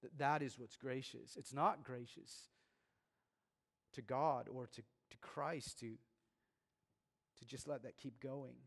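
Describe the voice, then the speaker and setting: A man's voice: mid-range voice, fairly even intonation, slow pace, creaky, pauses often, fairly bright tone. A man preaching a sermon as pastor, earnest and growing emphatic. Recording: long reverb of a large room.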